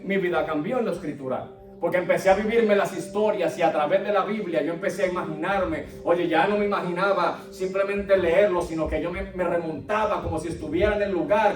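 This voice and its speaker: High-voiced male preacher in an echoey church. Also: recorded from a distance. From Puerto Rico and Colombia. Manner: candid, storytelling, humorous. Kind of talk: sermon.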